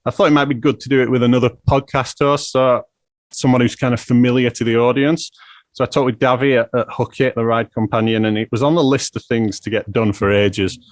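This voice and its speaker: A man's voice: mid-range voice, steady tone, brisk, no echo. A British man in his forties hosting a podcast, talking candidly and reflectively about his own past. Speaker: podcast host. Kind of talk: conversational podcast intro and interview.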